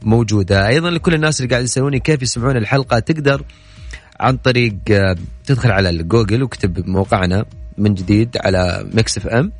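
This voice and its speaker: Fast-talking male radio host. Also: lowish voice. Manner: friendly and chatty, addresses listeners directly. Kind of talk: late-night radio call-in chat. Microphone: studio microphone. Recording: studio broadcast with faint music bed.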